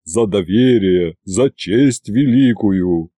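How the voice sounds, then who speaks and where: A man voicing a big, shy peasant duke with a deep, booming bass, speaking slowly and haltingly. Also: lively intonation, warm tone, no room sound, studio quality. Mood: grateful. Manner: slow, halting.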